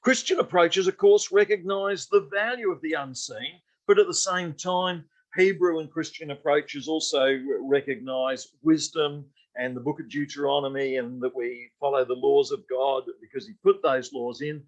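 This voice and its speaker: A man giving an unscripted college lecture, pausing often with fillers and restarting sentences. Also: on the high side, muffled recording.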